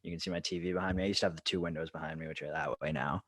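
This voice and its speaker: Young guy on a video call, deep voice, cracks jokes. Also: fairly even intonation, rapid-fire, fairly bright tone, no room sound, studio quality. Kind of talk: casual chat.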